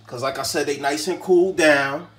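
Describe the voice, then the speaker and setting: A man's voice: a little high, steady tone, normal speed, faint music behind. A man hosting a home cooking show, talking casually to viewers in slang while he fills potatoes. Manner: slangy, chatty, talks to viewers as he cooks.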